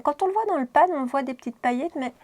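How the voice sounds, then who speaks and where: A woman's voice: high voice, animated, fast talker, darkish tone. Chatty woman vlogger, self-correcting. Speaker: beauty vlogger. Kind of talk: casual makeup tutorial chat.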